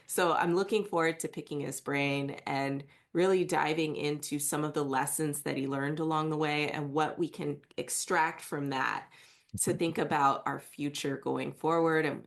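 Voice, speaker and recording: Woman, podcast host, lowish voice, curious friendly questions, conversational interview. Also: vocal fry.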